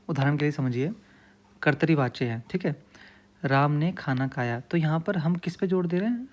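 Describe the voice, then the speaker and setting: Male tutor, grammar lesson; mellow, relaxed timbre, patient and repetitive, checks in often with listeners. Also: fairly high pitch. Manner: frequent check-in phrases. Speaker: teacher.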